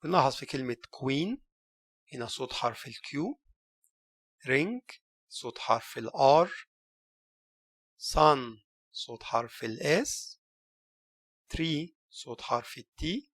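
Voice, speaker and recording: Slow, deliberate Egyptian teacher. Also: male voice, medium pitch, animated, a bit bright, slightly rough, no echo. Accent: Egyptian Arabic. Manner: sounds out each letter and word, then explains. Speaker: English teacher. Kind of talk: recorded language lesson.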